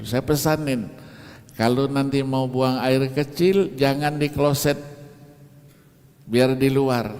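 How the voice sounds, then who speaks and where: Older Indonesian preacher in a reverberant mosque. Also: male voice. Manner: storytelling, animated pitch jumps, acts out dialogue. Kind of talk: sermon. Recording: long hall reverb in mosque.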